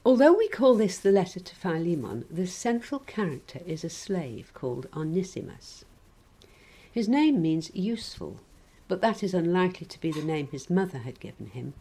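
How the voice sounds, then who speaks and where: A woman preaching a sermon in a measured, gently wry reflective way. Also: fairly low pitch, big pitch swings, breathy edge, rough recording.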